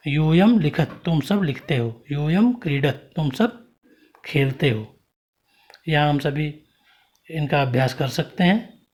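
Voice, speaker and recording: A man's voice: a little high, expressive, a little mellow. A man teaching a Sanskrit grammar lesson, reciting word forms one by one and explaining what each means. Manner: slow, deliberate recitation of word forms, each followed by its meaning.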